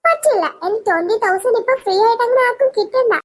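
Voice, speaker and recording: A woman playing a very high, haughty cartoon snob. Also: expressive, fast. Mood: scornful. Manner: haughty, scornful, threatening. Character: arrogant rich woman who cares only about money. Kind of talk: cartoon voice acting.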